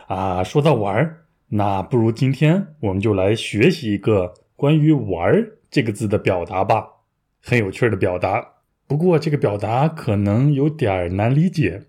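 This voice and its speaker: Mellow-voiced man teaching a language. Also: fairly low pitch. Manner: clear, patient explaining with playful asides. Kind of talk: scripted language lesson.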